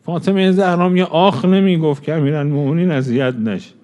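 A man preaching an emotional mourning sermon, drawing out chanted verses slowly and swinging between swelling loudness and a hushed voice. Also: a little high, fairly even intonation, highs cut off. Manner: emotional, swells louder then drops to a hush; draws out recited lines slowly.

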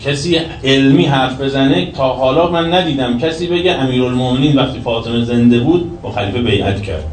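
A man giving a religious sermon, shifting between emphatic raised lines and quiet lowered passages. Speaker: cleric lecturing. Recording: roomy echo, distant from the mic, faint background noise.

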